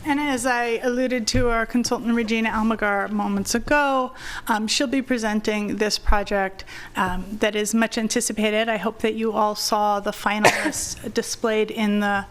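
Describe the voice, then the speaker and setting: A woman's voice: on the high side, steady tone, moderate pace. A woman city staff member giving a report at a council meeting, hesitant, with many fillers and restarts.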